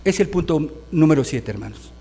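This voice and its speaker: A man's voice: fairly high pitch, expressive, moderate pace, mellow, slight background noise. A man pastor preaching a sermon, calling the congregation brothers and often checking that they follow him. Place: church hall. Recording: long church reverb.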